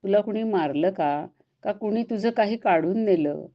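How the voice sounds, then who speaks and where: A woman voicing a young divine cowherd boy who gently coaxes and soothes. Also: medium pitch, normal speed, highs cut off, close to an everyday voice. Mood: coaxing. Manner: coaxing, soothing.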